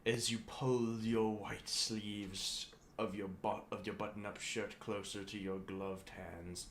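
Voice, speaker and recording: Male co-host, low unhurried voice, halting comedic reader, light noise on the track. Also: little pitch movement. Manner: reads haltingly with restarts, swears, breaks into laughter. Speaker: co-host reading fan fiction. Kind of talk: comedic dramatic reading.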